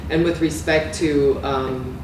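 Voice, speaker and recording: Middle-aged woman lecturer, from Romania, conversational and halting, echoey room, heard from a distance. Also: rumbling low, fairly even intonation, noisy background. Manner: conversational, many fillers and self-corrections. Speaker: guest lecturer. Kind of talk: academic lecture.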